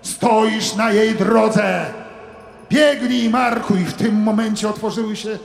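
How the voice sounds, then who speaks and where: High-voiced theatrical preaching man. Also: level tone, measured pace, vocal fry, reverberant, big-room sound, soft background music. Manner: theatrical, shifts from hushed asides to shouted preaching. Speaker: comic preacher. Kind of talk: satirical sermon monologue.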